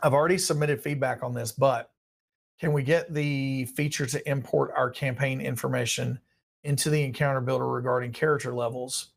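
Reading out viewer questions on a live stream, a man in his thirties answers in an easygoing, meandering manner. His voice is partly lost, medium in pitch, creaky with vocal fry, and fairly even at a normal speed, and he sits in a small, dim room.

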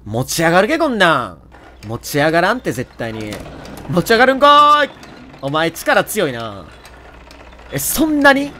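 A man with a Kansai accent giving jokey, animated running commentary on a horror game and talking to its characters. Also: a little high, normal speed, a little hiss or hum. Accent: Kansai Japanese. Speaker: let's play host.

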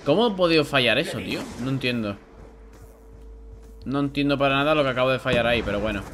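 A young man with a Spain Spanish accent doing live gameplay commentary, excitable and grumbling, swearing when frustrated. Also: medium pitch, fast talker, background noise. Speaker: gaming YouTuber.

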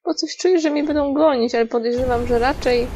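A woman's voice: high-pitched, a little fast, warm tone, a little hiss or hum, poor audio. A woman casually commenting while playing a game, talking to herself and swearing and yelping when scared. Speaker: gaming streamer. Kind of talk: casual let's-play commentary.

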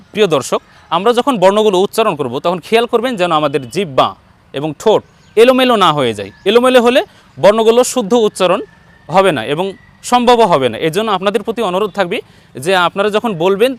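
A man teaching Arabic letter sounds in an online lesson, patiently repeating each letter slowly for viewers to copy. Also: high-pitched. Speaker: Quran teacher.

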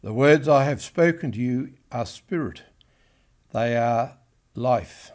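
A man's voice: medium pitch, a little mellow. An older man, a clergyman, solemnly reading scripture aloud at a chapel lectern. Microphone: gooseneck lectern microphone.

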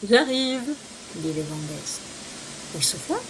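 A woman reading a picture book aloud to small children, slow and playful, dropping to a whisper at times. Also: on the high side, very animated, noisy background. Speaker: children's storyteller.

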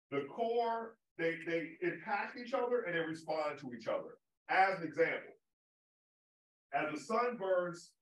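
Speaking in a somewhat high, slightly bright voice, a man talks conversationally through a public astronomy lecture and keeps checking in with "right?". It's recorded at a distance in an observatory lecture room, with a roomy hall sound.

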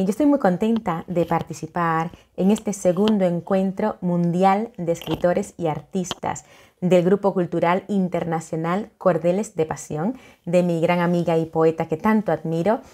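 A middle-aged woman from the Dominican Republic, an author who talks warmly and chattily into a webcam at home, with many fillers and restarts. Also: lowish voice. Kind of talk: casual video greeting. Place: home living room, indoors.

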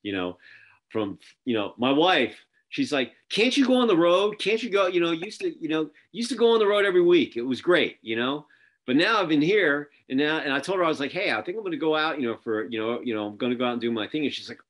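A middle-aged host with a slightly high, sing-song voice and fairly bright tone talks fast through a casual video-call interview, telling stories with many fillers and restarts. He's recorded by webcam indoors, in an office with a printed backdrop.

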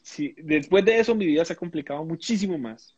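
A man's voice: on the high side, a little fast, darkish tone, husky, no echo, poor audio. A man gives a personal testimony in a live interview. He talks reflectively, searching for words and often restarting. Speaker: interview guest.

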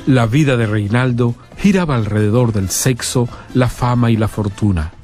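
A man doing measured, dramatic scripted narration for a documentary. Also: mid-range voice, a little mellow, soft background music.

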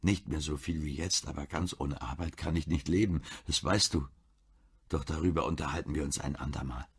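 A caring wife and doctor, as a male reader puts her on, gentle and pleading. Her voice stays low and gravelly. It sounds husky rather than clear. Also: steady tone, a little fast, heavily acted.

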